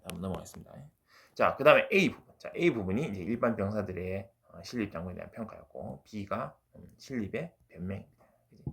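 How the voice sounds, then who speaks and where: A man's voice: on the low side, gravelly. A man giving a casual exam-prep literature lecture, chatty and full of slang, often checking in with his listeners. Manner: chatty, keeps asking "right?" and drops into slang.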